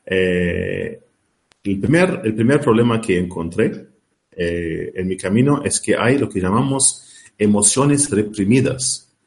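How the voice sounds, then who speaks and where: Man, middle-aged, foreign non-native accent, lowish pitch, halting delivery, searching for words, online talk. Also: expressive, gravelly, a little mellow. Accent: foreign, non-native Spanish. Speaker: guest speaker, spiritual healer. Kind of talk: informal online lecture.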